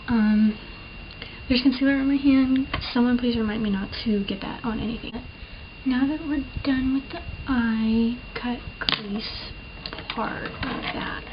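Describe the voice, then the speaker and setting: In a relaxed makeup tutorial filmed at home, a young woman talks in a rambling, chatty style, leaning on fillers and self-deprecating jokes. She has a slightly high voice with a faint lisp. The sound from her camera's built-in mic is dull and muffled, with a clear bed of hiss beneath it.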